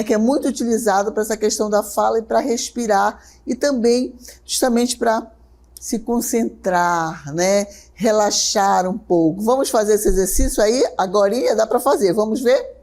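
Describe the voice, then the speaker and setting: Brazilian woman, middle-aged, brisk TV classroom teacher, slightly high voice, keeps asking "right?". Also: mellow. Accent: Brazilian Portuguese. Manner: talks fast, checks in often with "certo?" and "né?"; slows right down to guide a breathing exercise. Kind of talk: televised classroom lesson.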